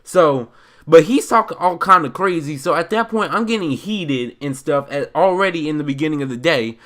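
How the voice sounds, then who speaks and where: A young American man from Chicago telling a story as a casual, animated rant, in an emphatic, indignant, slangy and rambling way. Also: on the high side, normal speed. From Chicago, United States.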